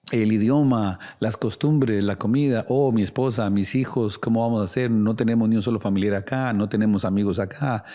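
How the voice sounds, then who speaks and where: A man's voice: fairly low pitch, warm tone. A man preaching a sermon as a pastor, earnest and speaking straight to the listener with direct questions. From Latin America.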